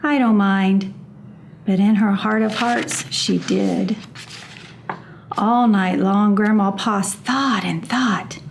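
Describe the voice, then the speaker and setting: A woman reading a children's storybook aloud in a measured, expressive storytelling manner. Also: medium pitch, creaky, slight background noise.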